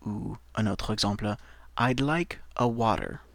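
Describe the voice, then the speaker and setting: Slow, careful man teaching. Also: fairly low pitch, creaky, dry recording. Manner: slow and careful, repeats words and spells them letter by letter. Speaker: English teacher. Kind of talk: language lesson, slow spelled-out vocabulary.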